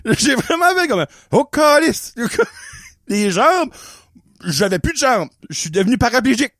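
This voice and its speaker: A man with an Acadian French accent hosting a podcast and telling a story in a casual monologue. He is animated, laughs often and drops English words into his speech. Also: extremely high pitch, moderate pace, dry recording, clean studio sound. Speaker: podcast host.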